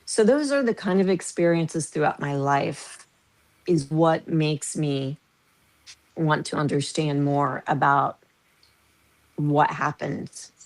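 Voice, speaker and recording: Low-pitched woman in her fifties, animated storyteller, laughs a lot. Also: slow pace. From US Midwest. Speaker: podcast guest. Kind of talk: casual storytelling.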